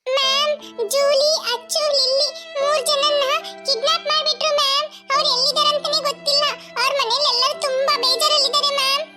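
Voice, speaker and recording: A woman voicing an earnest, upset young schoolboy in a cartoon, speaking slowly and plaintively. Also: very high voice, level tone, pushed and bright. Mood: sad. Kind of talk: cartoon voice acting. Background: music.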